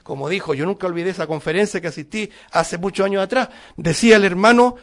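A man's voice: high-pitched, fast talker. A middle-aged male preacher giving a sermon, emphatic and full of rhetorical questions to the congregation.

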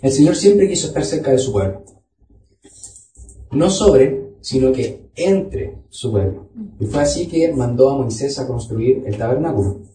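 A man's voice: mid-range voice, expressive, measured pace, dark tone. Man preaching in an echoey hall. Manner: teaching Bible study, reads scripture aloud. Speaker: pastor. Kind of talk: sermon. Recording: echoey room, voice from far off.

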